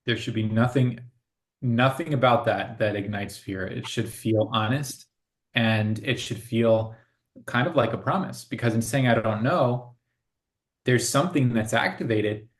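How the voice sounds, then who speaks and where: A man's voice: medium pitch, measured pace. A man co-hosting a casual spiritual conversation, speaking in an earnest, reflective way and laughing often. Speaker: co-host.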